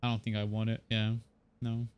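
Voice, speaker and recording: A man's voice: on the low side, completely flat delivery, moderate pace, clean tone. A man in his twenties from Mexico, chatting casually and a bit hesitantly while streaming a game. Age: 20s. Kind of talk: casual gameplay chat.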